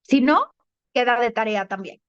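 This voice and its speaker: A woman's voice: animated, normal speed, a bit bright, smooth, no echo. Woman grief counselor, conversational, acts out quotes; dry, muffled sound. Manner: conversational, acts out quoted voices with rising pitch. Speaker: thanatologist. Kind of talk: group talk on grief stages.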